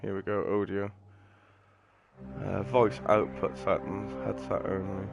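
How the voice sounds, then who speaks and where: A British man streams a video game with video game music playing behind him, offering casual, rambling, offhand commentary. His lowish voice is creaky, a little slow, and completely flat.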